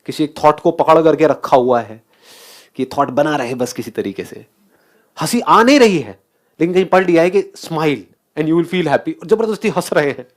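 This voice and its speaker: A man giving a motivational talk, asking the audience questions and mixing English phrases into his speech. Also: fairly high pitch. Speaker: motivational speaker.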